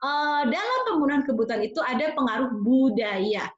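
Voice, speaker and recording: A woman from Jakarta giving a casual nursing lecture, expressive and fairly loud, chatting with plenty of fillers. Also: sits high, brisk, a crowd in the background. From Jakarta, Indonesia. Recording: roomy, slightly dull lo-fi sound.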